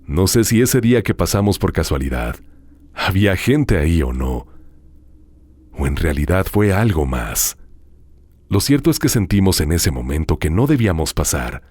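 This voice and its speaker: A man hosting a show, reading listener horror stories aloud in a dramatic, hushed storytelling manner with drawn-out pauses. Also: deep voice, big pitch swings, breathy edge, dry recording. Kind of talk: scripted horror narration.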